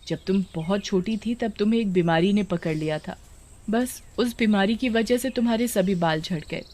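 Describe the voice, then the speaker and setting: A woman's voice: medium pitch, normal speed, a little mellow, close to an everyday voice. A woman voicing a caring middle-aged village mother in a storybook tale, speaking soothingly.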